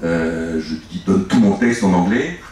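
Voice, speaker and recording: A man's voice: low voice, animated, dark tone, far from the mic, slight background noise. A middle-aged man, an author and native French speaker, giving long rambling answers full of restarts at a live book talk. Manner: rambling, halting, many restarts. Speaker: author guest. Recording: echoey room, from afar, faint ambience.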